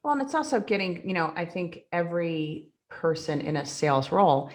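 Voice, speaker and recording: A woman co-hosts a podcast in casual conversation, using examples to explain her points and steering the talk from one topic to the next. Her lowish voice has a brisk, sing-song quality.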